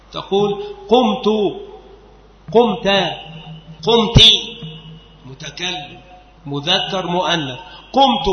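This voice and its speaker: A man teaching a classical grammar lesson, patiently repeating and drilling example words. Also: a little hiss or hum. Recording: echoey hall, dull low-fi sound.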